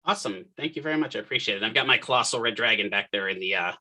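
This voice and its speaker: A man hosting an orientation on a video call, giving quick upbeat thank-yous and calling the next speaker. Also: on the low side, expressive, sharp tone. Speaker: program instructor hosting orientation. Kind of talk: casual meeting facilitation.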